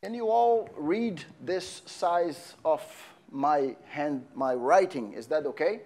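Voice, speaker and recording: A man's voice: on the high side, animated, a little mellow. Brazilian-born man lecturing in an empty hall. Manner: friendly, halting with fillers, pauses while writing on the board. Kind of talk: university lecture. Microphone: lapel.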